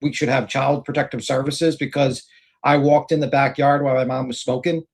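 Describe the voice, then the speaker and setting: A man co-hosting a casual stream, tearing into clips in a mocking, profane tone. His voice sits at a middling pitch and he laughs his way through the jokes. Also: level tone, fairly quick, vocal fry. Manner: mocking, laughing, swears a lot. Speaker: co-host.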